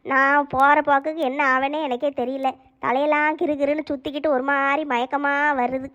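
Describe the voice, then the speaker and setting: A woman's voice: high-pitched, flat delivery, brisk, a bit bright, lo-fi sound. A woman doing a grumbling old grandmother. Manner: complaining, scolding.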